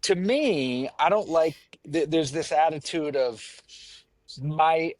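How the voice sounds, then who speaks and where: A man's voice: on the high side, slow pace, no echo. A man from the Pacific Northwest co-hosting a casual chat, rambling and self-mocking, often trailing off and restarting. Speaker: podcast co-host.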